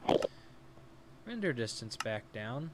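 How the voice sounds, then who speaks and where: A man's voice: medium pitch, sing-song, slow pace. A young man hosting a let's play, casually talking through each step of his game aloud as he goes. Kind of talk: casual gameplay commentary. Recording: faint background hiss.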